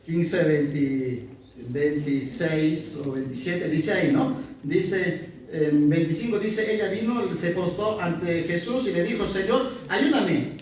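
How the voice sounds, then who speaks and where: A man's voice: fairly high pitch, slow pace, a little mellow, slight background noise. A man teaching a Bible study in a conversational way, often checking in with his listeners by asking whether they follow. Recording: very echoey room, far from the mic.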